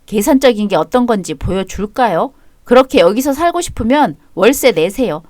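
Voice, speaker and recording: A woman's voice: a little high, sing-song, normal speed, darkish tone, no echo, clean studio sound. A woman voicing a young married woman who talks in a cool, cutting and firm way. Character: sharp-tongued young married woman, daughter.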